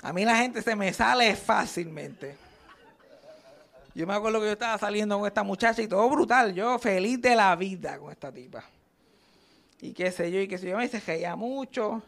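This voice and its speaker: A man's voice: high-pitched, moderate pace, vocal fry. A young man performing live stand-up comedy, telling crude stories and acting out the lines he quotes. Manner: crude, animated storytelling with acted-out quotes. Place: comedy stage at a live show.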